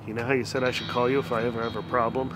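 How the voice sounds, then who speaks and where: A man's voice: mid-range voice, flat delivery, racing, music in the background, close to an everyday voice. An actor playing a frantic, desperate husband who pleads with his friend for help. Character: desperate husband, middle-aged man.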